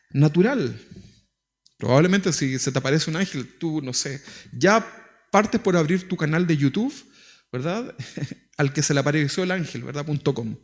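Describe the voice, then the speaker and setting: A man's voice: fairly high pitch, darkish tone. A man with a Chilean Spanish accent preaching a sermon as pastor, talking conversationally with many rhetorical questions. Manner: acts out quoted prayers.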